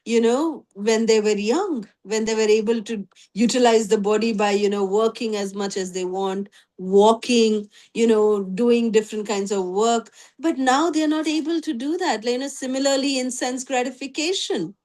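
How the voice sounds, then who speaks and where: A woman's voice: a little high, moderate pace, darkish tone. A woman leading a devotional scripture class online, telling stories and often adding "you know". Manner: storytelling, with frequent "you know" fillers. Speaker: spiritual class teacher. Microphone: online video call.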